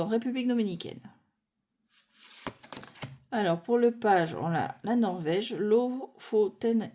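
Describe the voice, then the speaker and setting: A woman with a middle-pitched voice talks slowly through a deck of cards, unhurried and casual. She thinks aloud, trailing off with fillers and correcting herself mid-phrase. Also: dark tone. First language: French. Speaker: tarot deck reviewer.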